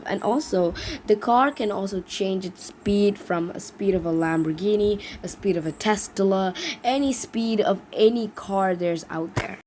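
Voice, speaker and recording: A woman in a casual vlog, her voice a little rough from being sick, chatting in a rambling way and correcting herself. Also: medium pitch, a little mellow, a little hiss or hum. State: slightly sick voice. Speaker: vlogger presenting an invented world.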